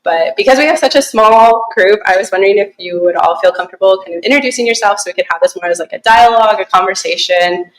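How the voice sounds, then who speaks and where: A young woman from Alaska giving a casual presentation to a small group, relaxed and chatty with many fillers and easy laughs. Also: medium pitch, fast talker, few pauses, poor audio. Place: small conference room.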